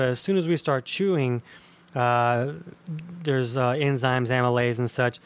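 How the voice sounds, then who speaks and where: A man hosting a health talk, explaining digestion in a casual, patient way with frequent pauses and fillers. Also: medium pitch.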